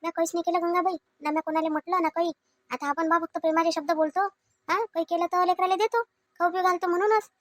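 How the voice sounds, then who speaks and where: A woman's voice: very high voice, fairly even intonation, quick pace, dry recording. Woman voicing a meek, wronged village aunt. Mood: pleading. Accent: Vidarbha Marathi. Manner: pleading, self-defending. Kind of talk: cartoon family comedy.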